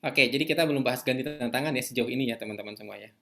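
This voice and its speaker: A man's voice: medium pitch, slight background noise. A man giving an online lecture, checking in with the listeners and repeating key words. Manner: asks the audience questions and repeats key words; slows to a quiet, drawn-out voice for prayers. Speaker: online course teacher.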